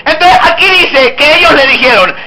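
High-pitched guy preaching a sermon, swoops up and down a lot, keeps asking the church to answer. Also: animated, normal speed, bright, forceful tone, a little hiss or hum, rough recording. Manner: emphatic, drawing call-and-response from the congregation. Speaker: pastor.

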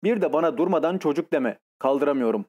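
A man's voice: on the high side, animated, quick pace, darkish tone, highs cut off. A man reading an audiobook and voicing an awkward young man who answers curtly and defensively. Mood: gruff. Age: young adult. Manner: curt, defensive. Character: shy, awkward youth turning gruff.

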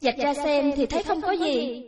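A woman voicing an excitable, remorseful young female cashier in her twenties. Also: high voice, normal speed, voice pushed up, natural voice. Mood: earnest. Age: 20s. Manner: excitable, exclaiming, pleading. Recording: roomy echo, distant from mic.

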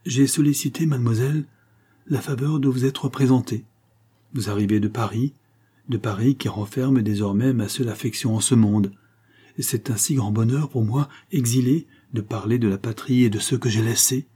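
A man reading the lines of a melancholy exiled convict of about thirty, speaking gravely and gently. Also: mid-range voice, normal speed. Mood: mournful.

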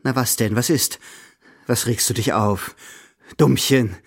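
A man's voice: mid-range voice, a little slow, slightly rough. A man voicing an imperious, impatient old grandmother at the roulette table, scolding and hissing orders. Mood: coaxing.

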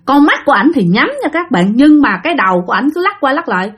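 Lively Southern Vietnamese woman storyteller. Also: sits high, quick pace, husky. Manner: lively, dramatic, addresses listeners directly. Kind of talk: ghost story narration.

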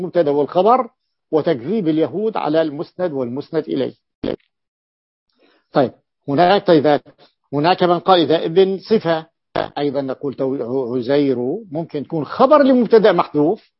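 A man gives a classroom grammar lesson with a slightly high voice. He repeats each point and poses questions that he then answers himself. The recording is dry and a little muffled. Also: no room sound. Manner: repeats key phrases, asks and answers his own questions. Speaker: sheikh teaching rhetoric. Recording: dull, dry lo-fi lecture recording.

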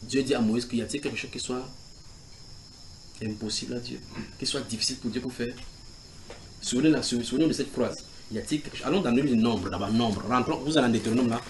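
Slight background noise sits behind a man with a mid-range voice speaking fast as he preaches in a house church. He teaches from the Bible with animation, reading scripture out loud and asking his listeners questions.

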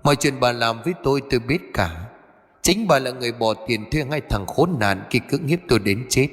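A man voicing the vengeful ghost of a young woman, accusing her killer in a bitter, rapid voice. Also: mid-range voice, lively intonation, in a large hall, faint music behind, close to an everyday voice.

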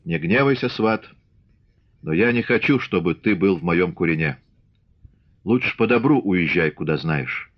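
A man's voice: deep voice, expressive, moderate pace, hardly any pauses. A man voicing a stern, hot-tempered old Cossack father in an audiobook, firm and commanding, snapping out his words. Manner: shouts and snaps, firm and commanding. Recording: dull lo-fi audiobook recording.

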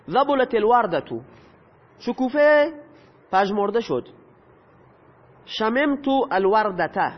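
A high-pitched man lectures patiently, posing questions and answering them himself. His voice rings with a long reverb. The sound is dull and lo-fi. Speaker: teacher. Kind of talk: lecture explaining Arabic grammar.

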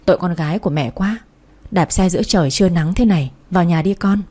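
A woman's voice: on the low side, fast, warm tone, close to an everyday voice. A woman voicing a middle-aged mother who scolds her daughter yet fears her husband. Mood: scolding, anxious.

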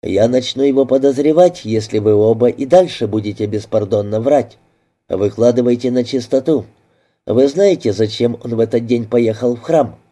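A man voicing a composed male police inspector in a detective audiobook, questioning in a dry, measured way. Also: mid-range voice, warm tone, lightly acted. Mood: firm.

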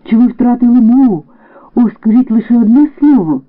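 A passionate young man presses his love in a story on the radio, as the male reader acts him. He pleads urgently, in a voice pitched fairly high. The sound is thin and tinny like a broadcast. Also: animated, fairly quick. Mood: ardent.

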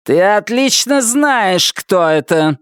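A woman acting out a spiteful, foul-mouthed woman in an audiobook, spitting slow, clipped threats. The voice sits well above the reader's own and rises and falls sharply. The sound is close and dry. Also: mid-range voice, expressive, smooth, dry recording, voice pushed up. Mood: furious.

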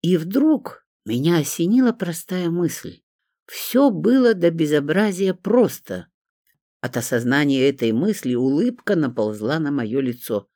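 An audiobook narrator reading a first-person story, voicing its heroine in an expressive, lively way. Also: mid-range voice, a little slow, no room sound, clean studio sound.

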